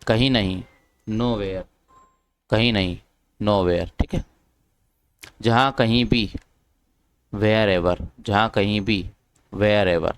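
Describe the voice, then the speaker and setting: A man's voice: fairly low pitch, extremely slow, long pauses, clear, resonant tone. A man with an Indian accent, a Hindi speaker, teaching spoken English vocabulary in a classroom-style lesson, saying each word twice and often asking the viewer what to say.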